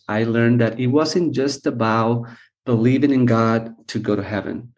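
A middle-aged man from Costa Rica recounts his path into ministry in a measured, unhurried way. He pauses often with small fillers. His voice sits at an ordinary pitch for a man. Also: a little mellow. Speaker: missions team leader, guest. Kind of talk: relaxed personal storytelling.

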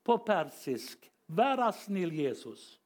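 A man imitating a lonely refugee man who speaks in halting, broken sentences, slow and pleading. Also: high-pitched, sing-song, voice pushed down.

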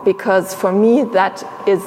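A young woman curator who grew up in Sierra Leone and Tanzania, speaking in a measured, reflective way with many pauses in an interview. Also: mid-range voice, fairly even intonation, a little mellow. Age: young adult. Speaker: museum curator, guest. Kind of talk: thoughtful interview conversation. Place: exhibition space indoors. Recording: reverberant hall with faint noise.

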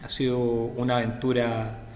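A man's voice: mid-range voice, completely flat delivery, normal speed, darkish tone, long reverb tail, a little hiss or hum. A middle-aged man with a Chilean accent, speaking as an interview guest in a hesitant, reflective way with frequent restarts. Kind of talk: interview conversation.

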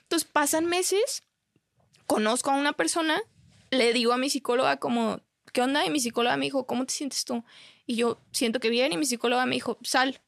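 Mexican lady guest spilling her story, kinda high voice, dead dry sound, keeps saying o sea. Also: fairly quick, creaky, no room sound. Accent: Mexican Spanish. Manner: candid, peppers her story with "¿sabes?" and "o sea". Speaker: podcast guest. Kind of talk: casual storytelling chat.

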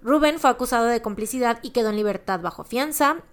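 A woman's voice: on the high side, fast. A woman with a Mexican accent, casually recounting a true-crime case as a podcast co-host. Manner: chatty, slangy, recounting a case with asides.

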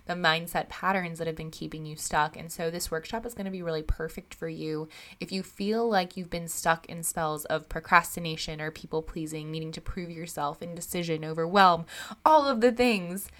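A young woman hosting a podcast in a casual, rambling chat, her voice still raspy from recovering after losing it, chatty and upbeat with lots of fillers. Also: low voice, moderate pace, a bit bright. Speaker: podcast host.

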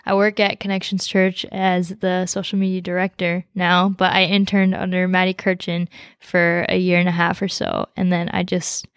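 Teenage girl, podcast guest, even monotone, casual rambling speech, dry sound. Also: lowish voice, moderate pace, smooth, dry recording. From United States. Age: teens. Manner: relaxed, rambling with fillers. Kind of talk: casual conversation, personal story.

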